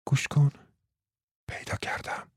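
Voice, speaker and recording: A man voicing a determined, scheming young wife who speaks in a hushed, coaxing way. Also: mid-range voice, husky, no room sound, studio quality, close to an everyday voice.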